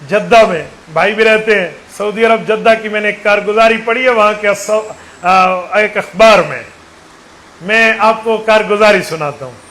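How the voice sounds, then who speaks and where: A man's voice: sits high, measured pace, a bit bright, poor audio. A man with a Saraiki accent preaching a sermon, counting aloud and quizzing his listeners with fervent exhortation.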